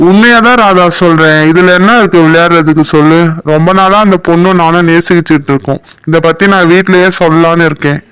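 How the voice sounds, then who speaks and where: A man's voice: a little high, a little fast, hardly any pauses, fairly bright tone, smooth, lightly acted. A man voicing a playful, teasing young man who is fond of his sweetheart, in a cartoon. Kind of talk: cartoon voice acting.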